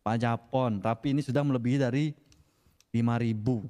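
A man's voice: mid-range voice, fairly even intonation, a little fast, dark tone. A man in a game roleplay making emphatic, accusatory complaints against the police as a witness. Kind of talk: roleplay interview testimony. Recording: long reverb.

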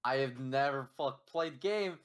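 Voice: medium pitch, measured pace. A person in a casual argument with a friend, stubbornly insisting and teasing, with lots of swearing.

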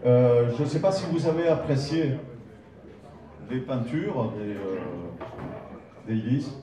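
A man welcomes guests to an art exhibition at an unhurried pace, stopping often to search for words. His voice comes from some distance in a reverberant hall, with a crowd murmuring close by. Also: medium pitch, expressive. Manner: halting, many fillers. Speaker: event host. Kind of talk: welcome speech at an exhibition opening. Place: large glass-walled hall, indoors. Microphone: mic on a stand, filmed from a distance. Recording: echoey hall, mic far off, crowd.

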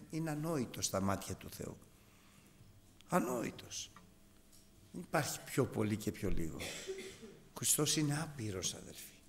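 A man in his fifties preaching a sermon to his congregation, animated and emphatic. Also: fairly high pitch, a little hiss or hum. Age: 50s. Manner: animated, emphatic, addresses brethren. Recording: hall reverb.

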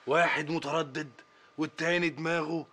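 A man's voice: a little high, fairly even intonation, brisk. An actor playing an anxious, pious eldest brother who mutters prayers and teases his wife, in Egyptian Arabic. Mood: fretful teasing. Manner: muttering prayers, then joking warmly. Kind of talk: film acting.

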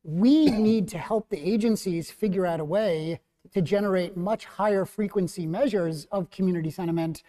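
Mellow New Jersey man, echoey hall. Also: sits high. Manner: measured, thoughtful, self-correcting. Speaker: panel moderator. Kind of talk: academic panel discussion.

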